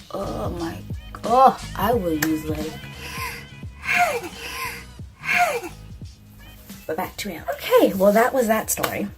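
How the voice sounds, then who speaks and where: A young woman vlogger chatting casually to camera, telling a story in a gushing, sassy way with lots of "like". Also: medium pitch. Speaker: beauty vlogger. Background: background music.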